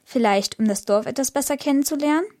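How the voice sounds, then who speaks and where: A woman's voice: high-pitched, quick pace, a little mellow, natural voice. A woman voicing a small, friendly, curious girl angel in a children's audio story.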